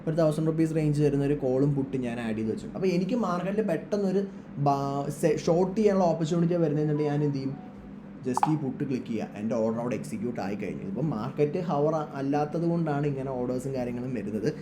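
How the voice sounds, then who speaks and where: A trader presents an informal screen-share tutorial on trading, talking fast in a fairly high voice and slipping English terms into his speech. Background noise is audible.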